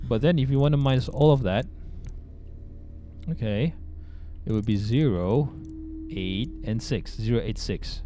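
A man's voice: mid-range voice, unhurried, pauses often, noisy background. A young man with a Bruneian Malay accent, giving casual, scared live commentary on a horror game and repeating himself. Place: small indoor room with webcam.

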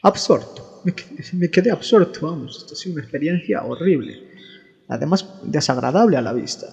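A man's voice: fairly high pitch, expressive, fairly quick, vocal fry. A man doing a rambling, exasperated comic monologue, stammering and restarting his sentences. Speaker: comedian. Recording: dull sound in a long-reverb room with soft guitar.

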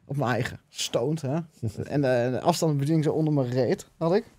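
A man's voice: medium pitch, fairly quick, darkish tone, breathy edge, no echo. A man, a guest on a podcast, in casual chat, telling stories loosely and with plenty of swearing. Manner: loose, swearing, anecdotal storytelling.

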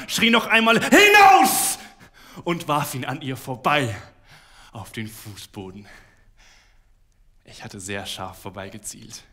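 A man giving a dramatic literary reading, intense and building to shouted outbursts. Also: medium pitch. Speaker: reader.

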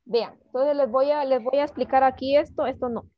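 A woman's voice: high voice, fairly even intonation, brisk, dry recording, dull audio. A woman teaching an online English class, patiently coaxing her pupils and mixing Spanish with English phrases.

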